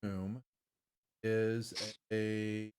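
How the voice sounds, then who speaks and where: A man acts as game master in an online tabletop session. He improvises scene descriptions and rulings in a casual way, with a halting, piecemeal delivery. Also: fairly low pitch, level tone, a little mellow, clear, resonant tone. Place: online group video call.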